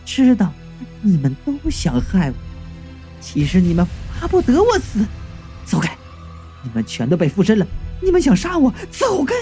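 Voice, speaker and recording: A man's voice: extremely high pitch, a little fast, few pauses, soft background music, pitched above the performer's own voice. A man voicing a hysterical, terrified young woman who stammers, sobs and shrieks. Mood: paranoid.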